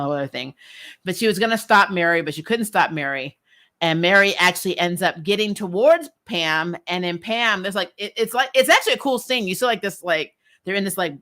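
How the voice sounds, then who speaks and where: Pitched on the low side with a fairly bright tone, this woman recaps a show vlog-style, full of opinions and casual slang. Exasperated and sarcastic, she swears now and then and mimics characters' dialogue in a mocking way.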